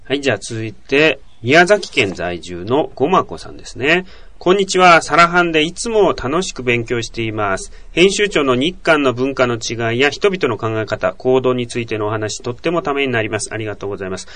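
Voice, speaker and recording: A man's voice: medium pitch, a little fast, few pauses, dry recording. A man hosting a language podcast, explaining pronunciation in casual chat and acting out sounds aloud. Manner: lively, demonstrates sounds aloud. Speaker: host, chief editor of a Korean language podcast.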